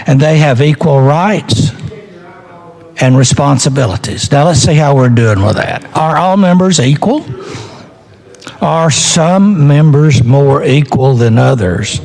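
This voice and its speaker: A male legislator gives a political speech in a fairly high voice with a heavy gravelly creak. He takes his time, laying out his argument point by point. He leans on rhetorical questions and repeats key phrases deliberately. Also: lively intonation, a little mellow. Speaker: legislator giving a floor speech.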